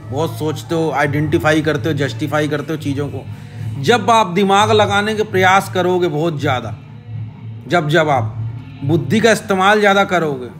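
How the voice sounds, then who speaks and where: A man's voice: on the high side, a bit bright. A man hosting an astrology talk, addressing the viewer directly, repeating short advice phrases and checking in with "okay?". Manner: repetitive, direct address to viewer with frequent "ठीक है?". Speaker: astrology channel host. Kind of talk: casual astrology explainer.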